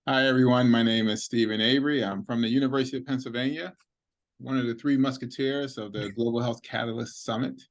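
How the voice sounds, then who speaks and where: A man's voice: mid-range voice, fairly even intonation, fairly quick. A man from a university introducing himself on a panel in an upbeat, enthusiastic way. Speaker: university academic.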